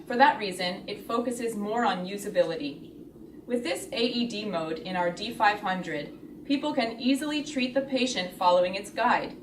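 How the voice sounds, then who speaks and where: A woman reading a scripted product tutorial in a measured, step-by-step explanatory way. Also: mid-range voice. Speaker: instructional video narrator. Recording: roomy, distant, clearly noisy recording.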